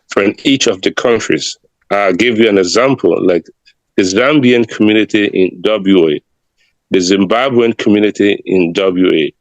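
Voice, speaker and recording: A middle-aged man from West Africa, a community leader answering interview questions in a measured, explanatory way with some hesitations. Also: on the low side, no echo, low-quality recording.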